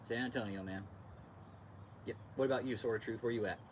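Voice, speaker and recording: A medium-pitched, brisk male voice with a little hiss or hum. He's an American podcast and livestream host from California, chatting casually with viewers in laid-back, slangy bro-talk. He repeats phrases and swears freely.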